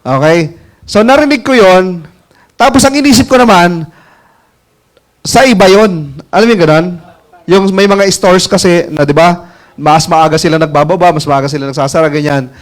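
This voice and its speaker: Speaking at normal speed, this high-voiced man is a network marketing mentor telling a casual story to an audience. He laughs a lot, keeps checking in with the crowd by asking "alam mo yung ganun?", and the audience laughs along.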